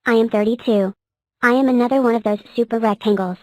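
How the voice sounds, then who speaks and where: A woman voicing a gentle young cartoon number character in a fan cartoon, speaking softly and earnestly. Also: fairly high pitch, steady tone, fast talker, dry recording, close to an everyday voice.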